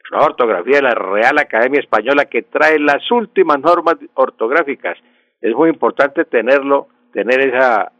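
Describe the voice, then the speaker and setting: Measured radio language expert, dry. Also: male voice, mid-range voice, dry recording. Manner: measured, explanatory, repeats key points. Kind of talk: radio Q&A on spelling. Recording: dry, dull radio broadcast sound.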